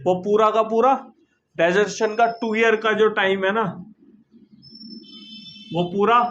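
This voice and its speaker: Man, high voice, law lecture, reads legal text slowly. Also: steady tone, a bit bright, highs cut off, soft background music. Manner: mixes Hindi with English legal terms, reads statute text slowly. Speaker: law teacher. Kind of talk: classroom lecture.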